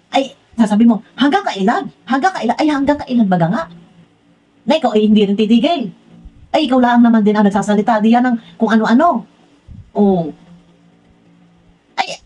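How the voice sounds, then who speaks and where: A woman's voice: fairly high pitch, darkish tone, rough recording. A woman ranting in a reaction vlog, exasperated and scolding, firing off one rhetorical question after another. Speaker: vlogger.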